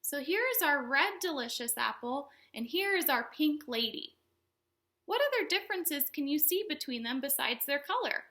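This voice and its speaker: A woman who is a children's librarian hosts storytime, speaking in a high pitch at moderate speed. She keeps her lessons simple, animated, and sing-song, frequently quizzing the young kids watching.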